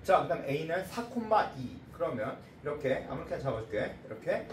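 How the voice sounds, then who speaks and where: A man teaching a math class in a brisk lecture, working through a problem and checking in with the students often. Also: fairly high pitch, expressive, a little hiss or hum. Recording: echoey room, heard from a distance.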